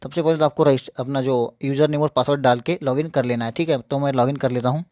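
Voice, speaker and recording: A young man hosts a casual screen-share tutorial for his YouTube tech channel, speaking fast in a steady, mid-range, darkish voice. He repeats points, reassures viewers and keeps checking in, slightly hampered by a mouth ulcer. There is no room sound.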